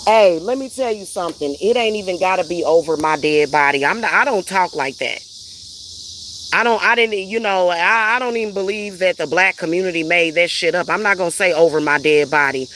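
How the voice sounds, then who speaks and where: A woman's voice: on the low side, brisk, fairly bright tone, slight background noise. A woman vlogger ranting in a heated, emphatic, profane way, repeating herself for emphasis. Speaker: vlogger and spiritual reader. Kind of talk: heated personal rant.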